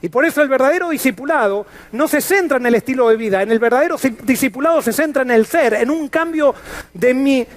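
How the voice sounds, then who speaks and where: A male pastor preaching a sermon in an earnest, emphatic way, asking the congregation rhetorical questions. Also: extremely high pitch. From Latin America.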